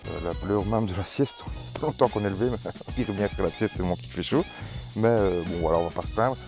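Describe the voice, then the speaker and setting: A man's voice: fairly low pitch, a little fast, over music. A man from Belgium with a Belgian French accent, chatting casually while showing his vegetable garden, rambling with many hesitations and restarts. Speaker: amateur gardener presenting tomato seeds. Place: vegetable garden outdoors in hot weather.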